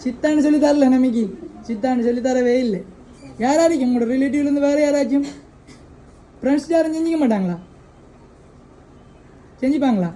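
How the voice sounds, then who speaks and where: A woman's voice: high voice, a little fast, long pauses, mellow, a little hiss or hum, rough recording. A woman hosting a birthday surprise delivery, coaxing a child with repeated questions.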